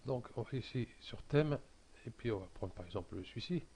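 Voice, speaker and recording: A man talking through a casual software tutorial, hesitant and full of fillers and restarts. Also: medium pitch, expressive, fairly quick, a little hiss or hum.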